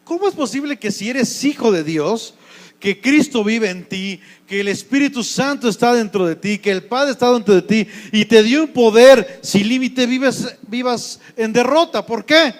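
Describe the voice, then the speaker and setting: A man's voice: very high-pitched, lively intonation, moderate pace. A male pastor with a Mexico City Spanish accent, preaching a sermon in a conversational way and often asking the congregation questions. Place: church.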